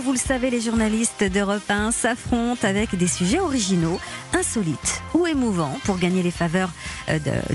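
A woman reading scripted radio announcements between segments. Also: mid-range voice. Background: music bed.

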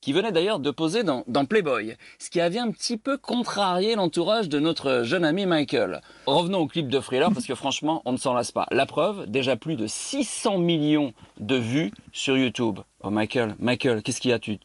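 A man's voice: a little high, sing-song, normal speed, hardly any pauses, no echo. A man presenting a playful, theatrical music chronicle on the radio.

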